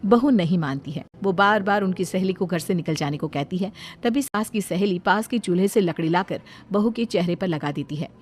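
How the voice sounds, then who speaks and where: A woman's voice: lowish voice, moderate pace, few pauses, darkish tone, soft background music. A woman narrator telling a scripted story in a dramatic storytelling style.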